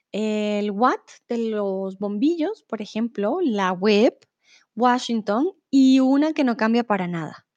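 A woman's voice: fairly high pitch, darkish tone, no room sound, highs cut off. A young woman teaching a live online Spanish class, reading out chat comments and explaining patiently, often checking in with her students. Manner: patient, checks in with "¿vale?", switches to English and German. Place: in Mexico.

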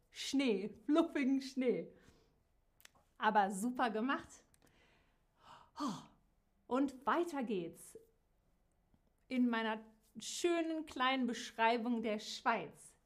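Slow, repeating woman teacher. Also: a little high. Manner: slow, repeats key words, warm direct address to viewers. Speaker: teacher hosting a live geography lesson. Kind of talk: slow, clearly articulated live-stream lesson.

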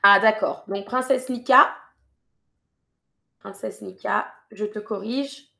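A woman's voice: mid-range voice, takes it slowly, vocal fry, pushed and bright. A woman teaching French on a live stream, reading viewers' sentences and patiently correcting them, often repeating her instructions.

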